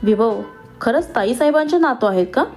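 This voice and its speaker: Storybook role: woman reading as a curious young house worker, bright-eyed questions, slightly high pitch. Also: expressive, moderate pace, faint music behind, natural voice.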